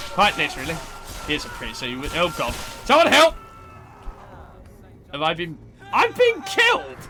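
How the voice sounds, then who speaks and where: Lively, bright-voiced man streaming. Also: a little high, slight background noise. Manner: chatty, polite, reads chat aloud. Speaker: live streamer. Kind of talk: casual gameplay chat with viewers.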